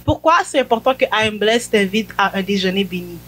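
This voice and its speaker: A woman with a medium-pitched, brisk voice hosts a morning faith talk show. Warm and inviting, she welcomes her guest, asks questions for viewers, and interrupts to clarify things for them.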